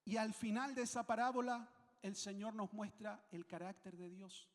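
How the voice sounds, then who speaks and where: A man's voice: high voice, steady tone, moderate pace, in a large hall. A man from Chile, speaking with a Chilean accent, preaching a sermon as pastor, emphatic and repeating phrases for weight. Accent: Chilean Spanish.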